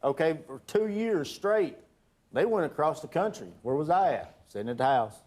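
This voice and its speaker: A man's voice: a little high, animated, moderate pace, a little mellow. Aggrieved man complaining in court. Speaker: litigant husband on a TV court show. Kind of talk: unscripted courtroom testimony.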